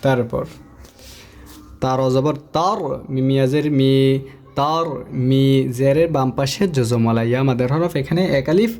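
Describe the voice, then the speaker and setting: A man teaches Quran recitation, slowly spelling out and chanting Arabic syllables between quicker spoken explanations. His mid-range voice has a darkish tone, and there's a little hiss or hum.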